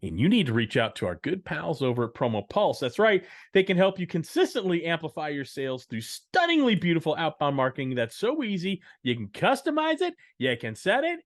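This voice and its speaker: A man's voice: wildly swooping pitch, brisk, few pauses. A man putting on a carnival barker voice to read an ad on a podcast. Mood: hyped. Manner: booming and showy. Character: loud male carnival barker pitching an ad. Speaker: podcast co-host.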